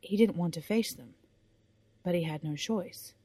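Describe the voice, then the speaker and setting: A woman reads a serialized fantasy story aloud, expressive and steady. The recording is close and dry, with no room sound. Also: fairly low pitch, a little slow, husky, no echo. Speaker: narrator of a serialized story podcast. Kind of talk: audiobook narration.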